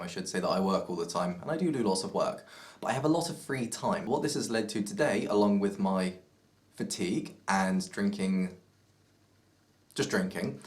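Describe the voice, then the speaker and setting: A man's voice: lowish voice, darkish tone. A young man in a casual vlog, rambling through playful mock-serious tangents. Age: young adult. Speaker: vlogger.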